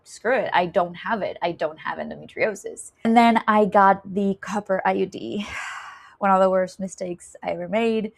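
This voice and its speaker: A woman's voice: medium pitch, moderate pace, gravelly. A young woman from Chile, a nurse and menstrual health educator, introducing herself in a candid, chatty vlog and laughing often. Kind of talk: casual self-introduction vlog.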